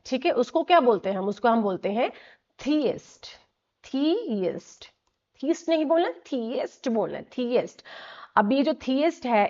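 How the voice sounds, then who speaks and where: Woman teaching English words, lo-fi. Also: fairly high pitch. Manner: explains slowly, repeats key words, checks in with "ठीक है". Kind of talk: vocabulary lesson. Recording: dull lo-fi audio.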